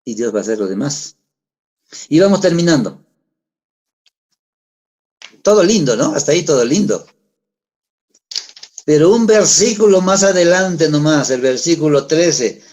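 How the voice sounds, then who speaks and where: A man's voice: fairly high pitch, animated, measured pace, long pauses, darkish tone. A middle-aged man, preaching a sermon in a conversational way, asking the congregation rhetorical questions. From Peru. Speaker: pastor.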